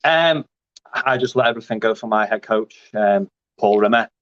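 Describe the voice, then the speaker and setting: A man in his thirties talks through his grappling life in a loose, rambling way, full of fillers and restarts. His voice sits fairly low. The audio is dry and a little dull, like a lo-fi call. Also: moderate pace, fairly bright tone, no echo. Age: 30s. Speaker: grappling competitor. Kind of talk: casual interview chat.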